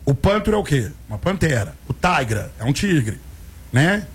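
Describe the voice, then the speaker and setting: Homem brincalhão com voz rouca. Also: male voice, a little high, sing-song, moderate pace, husky. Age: 40s. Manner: teasing, playful banter. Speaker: sports radio co-host. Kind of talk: joking sports talk.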